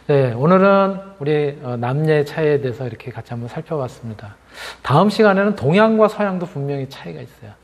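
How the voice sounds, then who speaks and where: A man, a university lecturer, closing his class in a measured, polite way with small fillers. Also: fairly high pitch, lively intonation. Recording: lecture hall reverb.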